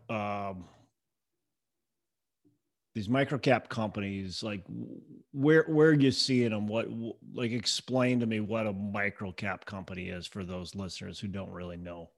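Casual podcast host, a man with a fairly low voice. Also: takes it slowly, gravelly, pauses often, no echo, clean studio sound. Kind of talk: podcast interview.

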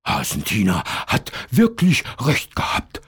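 A man voicing a stubborn, hot-tempered male rabbit neighbor in a storybook reading, shouting back high and loud. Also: huge pitch swings, a little slow, husky, full character voice. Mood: agreeable. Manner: shouting, contrary.

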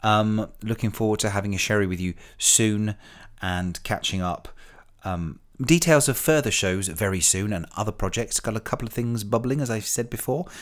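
Low-voiced man, theatrical podcast host. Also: normal speed. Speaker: podcast host and stage performer. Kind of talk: chatty podcast monologue.

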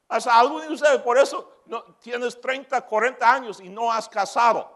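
Pastor guy with a high voice preaching, gets loud then jokes around. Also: normal speed. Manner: preaching with shouted peaks and joking asides. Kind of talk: sermon.

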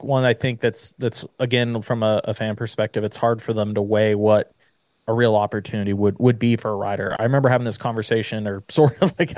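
A man's voice: mid-range voice, a little mellow, no room sound. Long-winded man interviewing, dry close sound. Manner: long-winded, anecdotal, circling back to rephrase. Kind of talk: casual interview chat.

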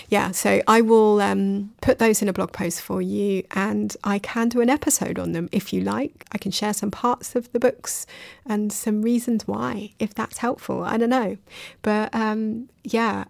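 A woman with a gravelly, fry-tinged voice talks alone into a dry, close mic as a podcast host. She is reflective and earnest, speaks affectionately to her listeners, and sounds a little emotional. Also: medium pitch, dry recording. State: emotional, recently crying. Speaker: podcast host and creative coach. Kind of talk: casual solo podcast monologue.

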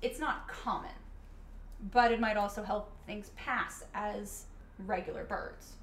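A woman's voice: mid-range voice, steady tone, unhurried. A woman narrating casually as game master of a tabletop game, in an echoey room. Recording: echoey room, faint noise.

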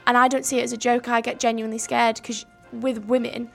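A woman's voice: on the high side, flat delivery, fairly quick, vocal fry, soft background music. A young woman co-hosting a homemade radio show, speaking earnestly in long run-on sentences. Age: young adult. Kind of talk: casual discussion.

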